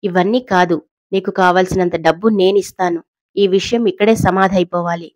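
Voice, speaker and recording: A woman's voice: fairly low pitch, steady tone, a little fast, no room sound, lightly acted. A woman voicing a proud cornered matriarch. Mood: tense. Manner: arrogant, angry, pleading. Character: proud powerful older woman, cornered and angry.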